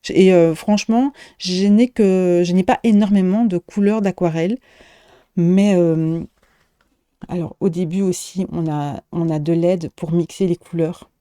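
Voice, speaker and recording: Hesitant, mellow-voiced woman vlogger. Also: lowish voice, steady tone, measured pace, dry recording, studio quality. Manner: hesitant, many fillers and restarts, friendly chatter. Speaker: shop owner and vlogger. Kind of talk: casual show-and-tell vlog.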